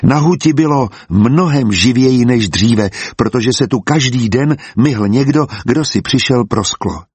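A man narrating a storybook as an audiobook, calm and even. His voice is husky and sits at a middle pitch. The sound is dry and close to the mic. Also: no echo.

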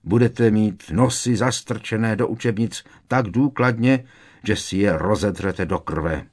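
A man's voice: on the low side, darkish tone, natural voice. A man doing a cocky teasing prankster boy. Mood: gleeful. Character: cheeky mischievous teenage prankster boy.

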